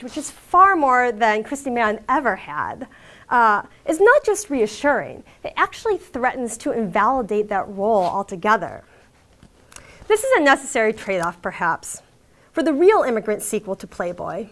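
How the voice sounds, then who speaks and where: A woman with a lively pitch, an academic lecturer, reads a prepared literary lecture in a lecture hall. Her delivery is measured and emphatic, with occasional fillers.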